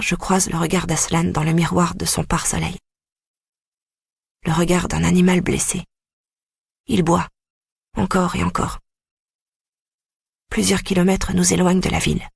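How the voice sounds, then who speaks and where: Husky, grave audiobook narrator. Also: mid-range voice, dry recording, clean studio sound. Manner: grave, even first-person storytelling. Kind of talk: scripted narration.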